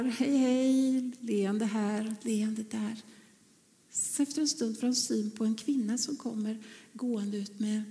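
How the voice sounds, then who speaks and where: A woman preacher telling a story in a sermon, gentle and often dropping to a whisper. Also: on the high side. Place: church. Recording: long church reverb.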